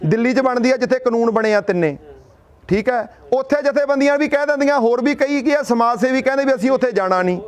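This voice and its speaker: High-voiced man giving a rousing speech. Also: quick pace. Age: young adult. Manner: asks and answers his own rhetorical questions. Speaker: speaker addressing a gathering. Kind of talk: rousing public speech with a folk tale.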